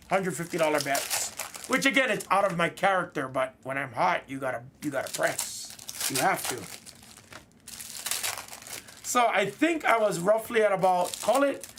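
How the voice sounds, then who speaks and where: A man's voice: high voice, slight background noise. A man hosting a live card-break stream, casually telling a story with swearing and laughter, acting out what people said. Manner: animated, swearing, laughing, acts out quoted exchanges.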